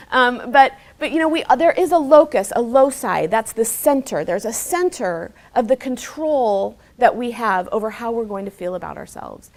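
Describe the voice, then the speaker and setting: Emphatic woman giving an informal lecture. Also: mid-range voice. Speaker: speaker giving a talk on digital life and psychology. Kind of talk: informal public lecture, explanatory.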